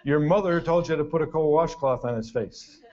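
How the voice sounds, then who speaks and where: Speaking a touch quickly, the older man has a higher-than-average voice with a darkish tone. He's a parenting workshop speaker offering a funny lecture full of dry anecdotes and punchy lists, heard through a dull lo-fi recording.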